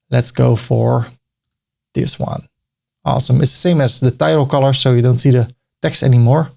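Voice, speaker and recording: Here a gravelly, slightly mellow, medium-pitched voice belongs to a middle-aged Dutch-accented man guiding a web design tutorial step by step. The screen-recorded narration is casual, with jokes sprinkled in from time to time.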